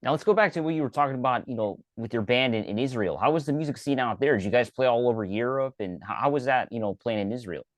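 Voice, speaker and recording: A man's voice: medium pitch, animated, quick pace, few pauses, no echo. A man hosting an interview show, chatting casually with fillers as he welcomes viewers and asks questions. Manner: chatty, friendly openers with fillers. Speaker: host.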